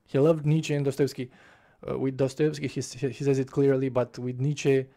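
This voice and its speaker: This young man speaks a little fast in a mellow, mid-range voice with little pitch movement. He grew up speaking Romanian and is giving a casual spoken book review in his small home bedroom, into a desk mic in front of his face, framed as for a webcam. He gets passionate, gesturing with both hands and restarting phrases.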